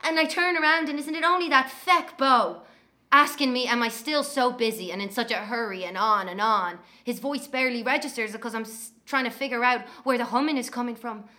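A woman's voice: a little high, brisk, sharp tone. An actress playing an angry young Irish woman, telling of walking home at night in a dramatic monologue.

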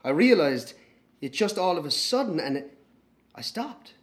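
An actor playing a haunted man, reflecting in a hushed, halting dramatic monologue. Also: fairly high pitch, very animated.

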